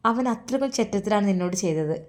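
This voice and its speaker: A woman's voice: mid-range voice, animated, fast talker, natural voice. A woman voicing a friendly young classmate, coaxing and persuading in a storybook.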